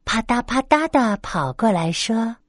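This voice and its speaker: A slow, lively bedtime storyteller woman. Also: on the high side, dry recording, clean studio sound. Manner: slow, gentle and expressive.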